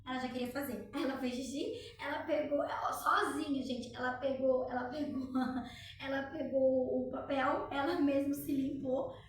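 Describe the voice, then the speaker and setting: A woman's voice: high-pitched, steady tone, normal speed, distant mic, slight background noise. A mother, chatting at home to her viewers and telling a story, often asking them to react. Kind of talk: casual chat to viewers. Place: room at home. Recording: very echoey room, from off-mic.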